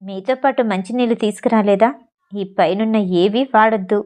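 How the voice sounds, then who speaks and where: A woman's voice: mid-range voice, moderate pace, darkish tone, lightly acted. Woman doing a stern suspicious gangster man. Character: suspicious stern male gang member.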